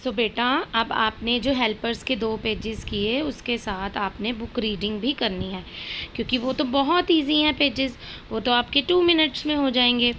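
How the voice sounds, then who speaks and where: A young woman teacher gives an online lesson to small children, reading words aloud slowly and clearly for them to repeat. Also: a little high, fairly bright tone, a little hiss or hum, poor audio. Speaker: primary school teacher.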